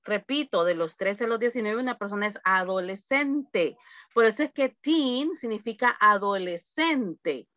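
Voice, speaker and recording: A woman teaching an English class over a video call, slowly and patiently drilling lists of numbers. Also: medium pitch, animated, fairly bright tone, dry recording. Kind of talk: online class lesson. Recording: dull, lo-fi video call audio.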